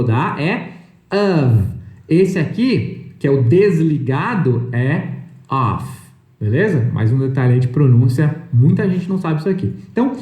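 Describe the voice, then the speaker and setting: Lively, echoey male English teacher. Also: a little high. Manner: didactic, repeats points and checks in with "né" and "tá". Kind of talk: online English lesson explained in Portuguese.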